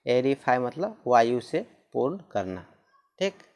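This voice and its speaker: A man's voice: mid-range voice, very animated, measured pace, darkish tone. A man teaching a lesson on pronunciation rules, repeating each rule and spelling out words letter by letter.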